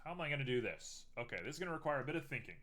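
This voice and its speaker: A young man streams live while making art, chatting casually, thinking aloud as he works, and poking fun at himself. His voice is a little high and sharp in tone, and he talks expressively at a rapid-fire clip.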